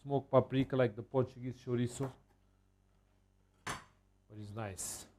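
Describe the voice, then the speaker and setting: Man, mid-pitched, casual home-cook demo, halting with fillers. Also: background noise. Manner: relaxed, halting, with many fillers. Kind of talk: casual cooking demonstration.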